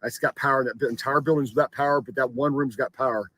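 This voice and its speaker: A man giving an unscripted live field report as a storm chaser, halting and repeating himself. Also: medium pitch, steady tone, a bit bright, low-quality recording. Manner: halting, repetitive delivery.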